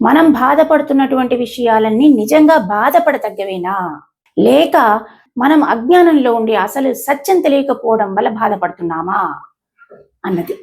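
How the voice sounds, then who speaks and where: A woman hosting a lesson, explaining verse pronunciation slowly and carefully, syllable by syllable, with English words mixed in. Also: on the high side, darkish tone. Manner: mixes English words into the talk. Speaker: host and Gita teacher.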